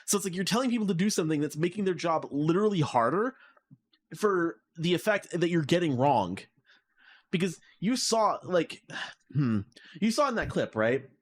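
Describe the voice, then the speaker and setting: Speaking at a moderate pace in a fairly high, animated voice, this man co-hosts a casual podcast. He goes on an exasperated, rambling rant heavy with fillers, captured by his microphone during an online call.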